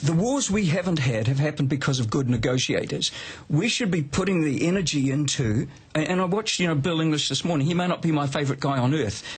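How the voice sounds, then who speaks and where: Male panellist, higher-than-average voice with a husky edge, opinionated and plain-spoken in discussion. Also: lively intonation, fairly quick. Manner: opinionated, colloquial.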